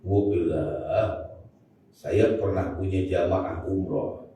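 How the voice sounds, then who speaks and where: Joking Betawi preacher in echoing hall. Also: male voice, low voice, extremely slow, warm tone. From Jakarta, Indonesia. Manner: jokes and often turns to the audience to address them. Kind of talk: joking mosque sermon. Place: large mosque hall. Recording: very echoey hall, voice from far off, faint noise.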